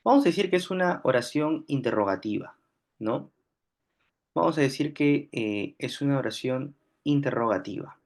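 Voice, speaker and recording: A man with a Peruvian accent teaching a grammar lesson, patiently repeating examples and often pausing with fillers. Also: medium pitch, expressive. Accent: Peruvian Spanish. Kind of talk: grammar lesson explaining on screen.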